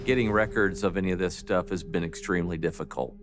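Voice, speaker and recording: A man speaking as a detective in a documentary interview, recounting case facts in deliberate, official phrasing. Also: low-pitched, steady tone, music in the background.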